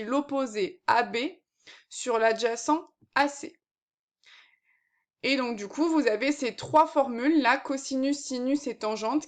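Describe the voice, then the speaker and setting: A woman with a high voice teaches a recorded maths lesson. She explains patiently, one step at a time, and fills her sentences with small verbal fillers.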